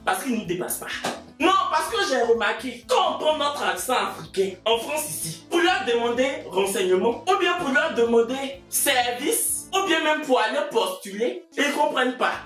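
A woman's voice: high-pitched, lively intonation, normal speed, a bit bright. Sex: woman. Style: heated mocking reaction rant. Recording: echoey room, faint music. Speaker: vlogger.

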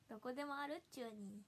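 A young woman from Hiroshima with a Hiroshima accent, chatting casually with viewers on a livestream, giggly and bubbly with frequent laughter. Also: high-pitched. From Hiroshima, Japan. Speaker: idol livestreamer. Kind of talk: casual livestream chat reading viewer comments.

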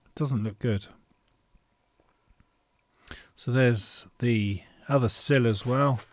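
A man's voice: fairly low pitch, no room sound. Wry man in a garage. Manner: wry, frank, thinking aloud with fillers. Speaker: home mechanic. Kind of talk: casual workshop narration. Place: indoor garage workshop. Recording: faint noise and tool clicks.

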